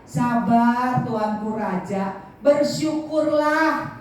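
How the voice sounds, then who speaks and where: A woman voicing a calm, endlessly patient male prime minister in a sermon story, speaking slowly and soothingly. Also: fairly high pitch, slight background noise. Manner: soothing, unhurried. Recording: echoey church hall from far off.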